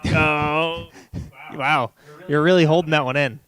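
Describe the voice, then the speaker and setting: A man's voice: fairly high pitch, steady tone, unhurried, a bit bright. A young man co-hosting a podcast, making teasing, joking asides in casual chat. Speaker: podcast co-host.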